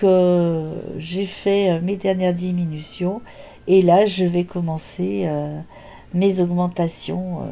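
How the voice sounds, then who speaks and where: A woman's voice: fairly low pitch, warm tone, a little hiss or hum. An older woman hosting a knitting podcast, chatting casually and hesitantly with lots of filler sounds as she shows her work. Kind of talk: casual show-and-tell chat.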